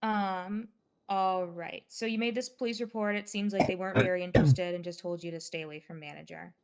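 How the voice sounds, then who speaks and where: Woman as methodical police officer, smooth clear voice, questioning, roleplay stream. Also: fairly low pitch, fairly even intonation, fairly quick, close to an everyday voice. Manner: questioning, with many fillers. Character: methodical female officer taking a statement. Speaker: police investigator questioning a witness. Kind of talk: roleplay in a live-streamed game.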